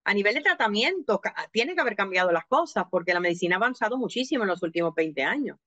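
A woman's voice: mid-range voice, expressive, quick pace, sharp tone. A woman hosting a podcast interview who affirms and echoes her guest's words. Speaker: podcast host.

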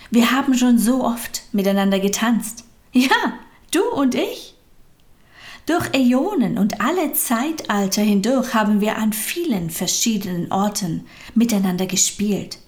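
Brief: woman doing a loving storybook soul, hushed and tender, swooping up with feeling, slow. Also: medium pitch, lightly acted. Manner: tender, softly whispered, rising with feeling. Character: kind, loving soul, warm and devoted.

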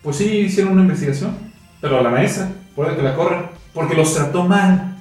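A Mexican man co-hosting a casual podcast, an animated, slangy teacher who laughs through his stories. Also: high-pitched, a little fast. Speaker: co-host, high school Spanish teacher. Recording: very echoey room with faint music.

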